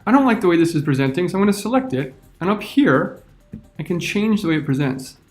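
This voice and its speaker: A man teaching a screen-recorded software tutorial, talking through each step as he clicks. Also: high voice, very animated, fast talker, faint music behind.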